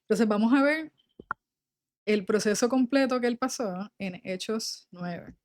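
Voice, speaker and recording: A woman's voice: a little high, a little slow, a little mellow, no echo, clean studio sound. A young adult woman, leading a Bible study and reading scripture aloud before explaining it in a conversational way. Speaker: Bible teacher.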